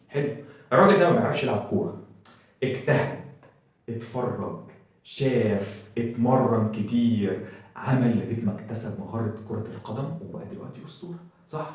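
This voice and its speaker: An Egyptian man teaching a science lesson at a rapid clip. He quizzes the class and answers his own questions, drumming key words in again and again. His mellow, darkish voice bounces around a very echoey room from a mic set well away from him, with faint noise underneath. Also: lowish voice, far from the mic. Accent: Egyptian Arabic. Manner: asks questions and answers them himself, repeats key words.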